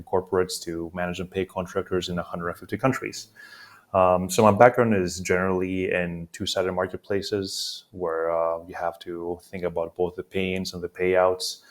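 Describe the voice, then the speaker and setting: A man from Greece, a payments executive, answering interview questions in a steady, explanatory way with frequent fillers. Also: deep voice.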